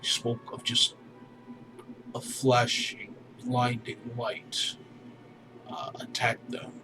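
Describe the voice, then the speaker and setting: A man voicing a weary male alien mine overseer who speaks haltingly, with many pauses and restarts. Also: medium pitch, completely flat delivery, lightly acted, low-quality recording. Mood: grave. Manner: hesitant, halting, full of pauses. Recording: music playing behind.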